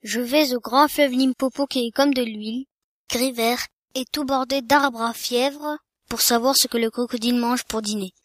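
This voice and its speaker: A woman's voice: fairly high pitch, steady tone, normal speed, no room sound, clean studio sound, lightly acted. A woman voicing a very polite, earnest and curious young elephant child in a storybook reading. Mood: cheerful.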